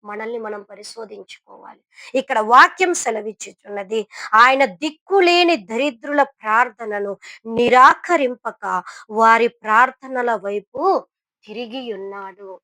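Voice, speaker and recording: A woman preacher from India tells a sermon parable with emphatic swings from loud to hushed. Her voice is high. The sound is close and dry, with no room echo. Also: a little slow. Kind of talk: sermon storytelling.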